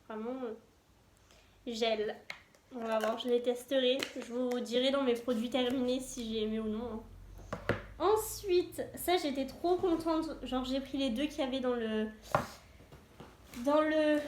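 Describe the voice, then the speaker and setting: A woman's voice: a little high, noisy background. A young woman chatting casually and enthusiastically as a beauty vlogger, with many fillers. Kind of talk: casual chat. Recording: echoey room.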